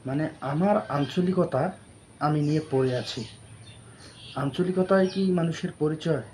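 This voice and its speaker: A man delivering a reflective spoken monologue in an earnest, deliberate way, pausing between phrases. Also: on the high side, dark tone, slight background noise. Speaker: social media creator.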